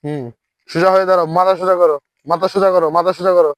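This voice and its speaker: A man's voice: high-pitched, steady tone, quick pace, no echo. A man playing a strict dance teacher in a comedy skit, bossy and scolding, who chants the dance counts. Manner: scolding, bossy, threatens punishment.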